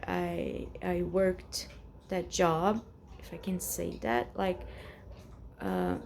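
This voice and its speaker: Very slow, rambling Brazilian woman in her forties. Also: lowish voice, gravelly, darkish tone, slight background noise. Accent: Brazilian Portuguese. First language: Portuguese. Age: 40s. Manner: rambling and hesitant, many restarts. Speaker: vlogger. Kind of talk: casual personal venting. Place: at home.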